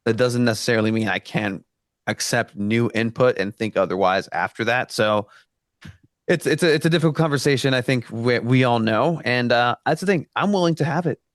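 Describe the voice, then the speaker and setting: Speaking a little fast at a medium pitch, a man from Mexico with Spanish as his first language joins a casual podcast discussion as an earnest guest. He keeps restarting and dropping in fillers. The audio is clean studio sound without echo.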